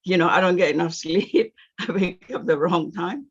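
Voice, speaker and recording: A woman in her sixties from Singapore speaking in a halting way on a video call, with many fillers and nervous giggles. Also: fairly low pitch, fairly even intonation, husky. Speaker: meeting participant. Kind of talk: casual testimony. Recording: muffled lo-fi call audio.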